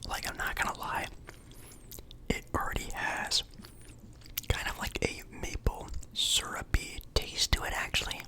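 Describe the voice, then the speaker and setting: A man's voice: a little slow, long pauses. A young man whispering casually as an ASMR creator, chatting about food between bites.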